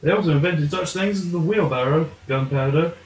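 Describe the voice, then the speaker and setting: A man's voice: a little high, brisk. A man reading scripted educational narration for a comic puppet show. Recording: echoey room.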